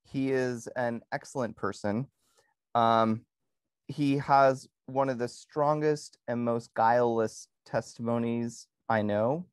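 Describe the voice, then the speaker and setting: A man's voice: mid-range voice, steady tone, slow, smooth, no echo. Hesitant man chatting, dry sound. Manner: hesitant, many ums and restarts. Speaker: podcast co-host. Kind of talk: casual conversation.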